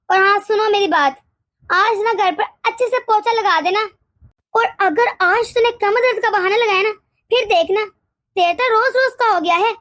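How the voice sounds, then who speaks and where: A woman voicing a harsh, scolding older mother-in-law in an animated story, nagging and sharp-tongued. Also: extremely high pitch, dry recording, studio quality.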